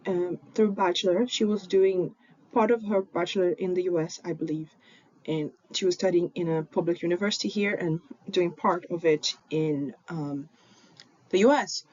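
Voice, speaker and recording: Speaking from her home in Fortaleza over a remote recording, a young genetics PhD student from Brazil presents her own story with earnest sincerity and plenty of ums. Her Brazilian-accented voice, shaped by Portuguese as a first language, is lowish, slightly mellow, and moderately paced with no echo, though the lo-fi audio is dull with a faint hiss.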